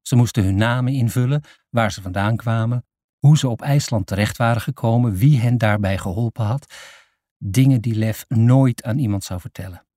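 A man reading a children's novel aloud as narrator, in a steady storytelling manner. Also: mid-range voice, moderate pace, no room sound, clean studio sound. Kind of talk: scripted audiobook narration.

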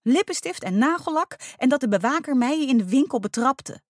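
Lady reading as a wobbly-voiced upset schoolgirl, high and on the edge of tears, dry close sound. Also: animated, fairly quick, no room sound. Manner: shaky, tearful, high-pitched.

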